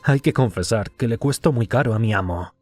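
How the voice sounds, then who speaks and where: Male reader doing a jumpy French valet for an audiobook: high, strained, shouty. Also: brisk, no echo, soft background music, close to an everyday voice. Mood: rueful. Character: excitable French manservant, man.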